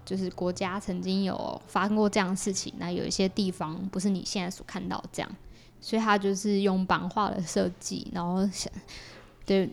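A woman with a Taiwanese Mandarin accent is a guest on a casual podcast interview, talking about her exhibition project in a chatty, explanatory way and repeatedly voicing agreement. Her medium-pitched voice is creaky, flat and fairly quick.

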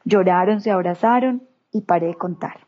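A Colombian woman with a paisa accent tells a heartfelt family story, slipping into the voices of her relatives as she goes. Her voice is mellow and warm. The recording sounds a little dull and lo-fi. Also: on the low side, moderate pace. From Colombia, Antioquia region. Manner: animated, acts out quoted relatives. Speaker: interview guest, mother. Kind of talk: emotional personal storytelling.

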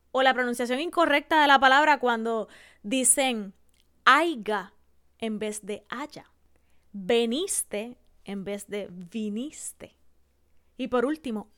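A Puerto Rican woman hosting a solo podcast on public speaking, teaching carefully and slowing down to spell out examples. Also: on the high side, a bit bright, smooth. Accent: Puerto Rican Spanish. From Puerto Rico. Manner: didactic, slows to spell out examples. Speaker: podcast host.

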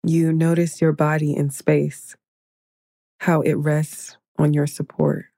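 A woman leading a guided meditation in a slow, soothing, hushed manner, counting breaths and counting down. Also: sits low, level tone, gravelly, no room sound, studio quality.

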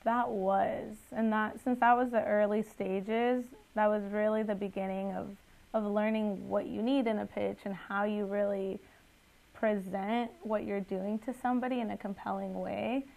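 A woman in her twenties who grew up in Guatemala joins a podcast interview as a guest entrepreneur, earnest and talkative with many fillers. Her voice is mid-range, gravelly and darkish, with a steady tone and moderate pace. The recording quality is low.

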